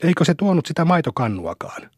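A man reading an audiobook, voicing a flustered, preachy neighbor woman who laments and moralizes, turning shrill, with a husky voice. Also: very animated, darkish tone, dry recording, studio quality. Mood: lamenting. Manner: lamenting, shrill when triumphant.

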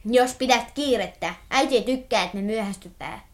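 A woman's voice: a little high, close to an everyday voice. A woman voicing a curious little girl in a radio play.

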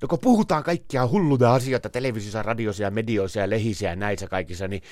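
A man's voice: lowish voice, no echo, natural voice. A man playing Veijo, a muddled henpecked man. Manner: rambling, muddled, excitable. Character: bewildered henpecked Finnish man Veijo, naive. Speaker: comedy sketch character. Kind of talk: scripted comedy dialogue.

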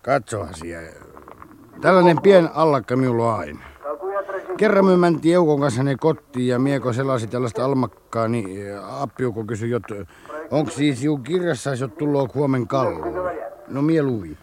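An actor playing an easygoing soldier with a Karelian dialect, telling a folksy story and chuckling in a radio play. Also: male voice, mid-range voice, animated, crowd noise, natural voice. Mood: amused.

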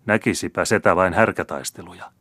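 A man's voice: low-pitched, bright, forceful tone, dry recording. A man reading an audiobook voices an arrogant, scornful young count who talks down to everyone in a careless, mocking way. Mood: careless, haughty. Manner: haughty, mocking.

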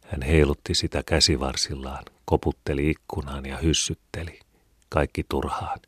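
Very deep-voiced male audiobook narrator. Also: little pitch movement, slightly rough, dry recording, clean studio sound. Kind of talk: scripted narration of a classic novel.

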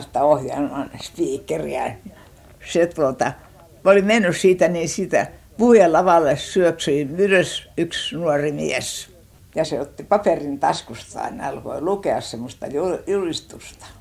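An older woman from Finland recounting childhood memories in an unhurried oral-history style, often pausing to search for words and restarting her sentences. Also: sits low, animated, gravelly, darkish tone, breathy edge.

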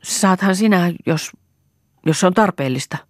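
A woman reading the part of a patient young wife in an audiobook, speaking calmly and placatingly. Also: lowish voice, dry recording, clean studio sound, voice pushed up, natural voice. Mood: pleading.

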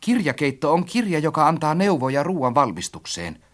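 A man's voice: a little high, sing-song, fairly bright tone. A man narrating a story as an audiobook, reading expressively and acting out his own quoted lines.

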